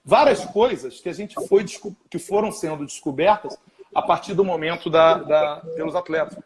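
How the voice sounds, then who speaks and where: A doctor and lecturer with a slightly high voice talks at a moderate pace against crowd noise. In a live-stream conversation he is animated and agreeable, telling stories and eagerly agreeing.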